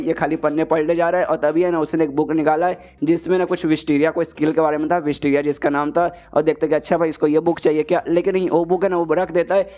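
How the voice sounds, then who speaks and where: A man's voice: fairly high pitch, a little mellow. A man narrating a comic recap casually, slangy and chatty, peppered with filler words. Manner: slangy, keeps saying "bhai" and "na".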